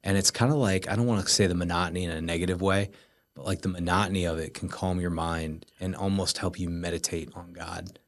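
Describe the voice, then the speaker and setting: Low-pitched male voice, middle-aged, casual teaching talk, informal phrasing. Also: steady tone, brisk. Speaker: host of a prayer teaching series.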